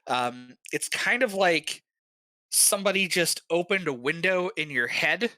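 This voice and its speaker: A game master narrating a tabletop game in a relaxed way, with many filler sounds. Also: mid-range voice, measured pace, no echo.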